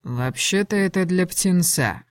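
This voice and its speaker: Audiobook: a woman voicing a low, sardonic male dragon lord, dry booth. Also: animated, unhurried, no echo. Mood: mocking. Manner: sardonic, teasing. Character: mocking male dragon lord in human form. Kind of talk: audiobook dialogue reading.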